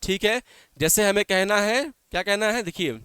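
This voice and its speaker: An English teacher gives an online class, explaining in Hindi-Urdu, repeating points often and quizzing his students, whom he calls "beta." His voice is high-pitched with a sharp, clean tone at normal speed, captured in clean studio sound without echo.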